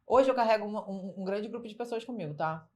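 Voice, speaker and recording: A woman guest in a casual interview telling her story in a lively, frank way. She talks colloquially with slang and fillers, and often acts out what people said. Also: mid-range voice, quick pace. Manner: lively storyteller who acts out quoted dialogue. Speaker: interview guest, business owner.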